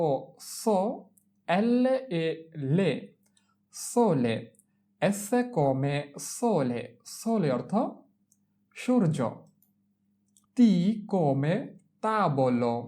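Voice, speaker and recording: A woman's voice: sits low, warm tone. A woman teaching the Italian alphabet. She spells out each word letter by letter and repeats it three times before she gives its meaning. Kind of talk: slow spelled-out language lesson.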